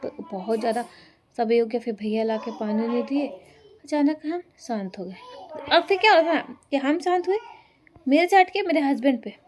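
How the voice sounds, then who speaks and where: A woman's voice: sits high, expressive, normal speed. A young woman telling a personal story in a casual vlog, chatty and rambling. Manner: chatty, rambling retelling with fillers. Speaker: vlogger.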